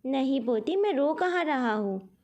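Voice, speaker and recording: A woman's voice: high-pitched, expressive, measured pace, darkish tone. A woman voicing an affectionate elderly grandfather who talks tenderly and coaxingly. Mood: soothing.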